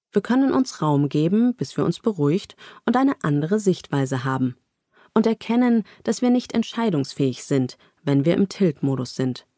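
A woman reading nonfiction narration aloud in a calm, even, measured way. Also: lowish voice, no room sound, studio quality. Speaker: audiobook narrator.

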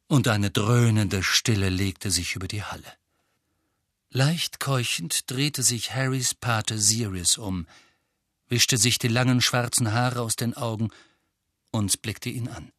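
A man reading an audiobook with expressive storytelling narration. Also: medium pitch, takes it slowly, pauses often, no echo, studio quality. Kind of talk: scripted narration.

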